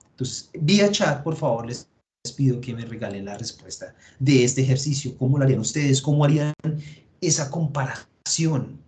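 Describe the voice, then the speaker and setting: A man with a Colombian accent and a fairly high-pitched voice teaches an online class through his computer mic. He explains each step slowly and patiently, thinking aloud as he goes. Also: a little mellow. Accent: Colombian Spanish. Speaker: English teacher.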